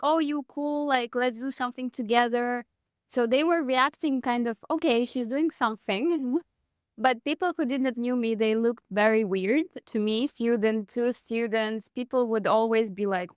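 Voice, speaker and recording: With a voice on the high side and a smooth quality, a woman in her thirties from Moscow, a dance teacher with a Russian accent, speaks casually as an interview guest. She laughs often while recounting her story, chatting away with frequent use of "like." The sound is clean studio quality with no echo.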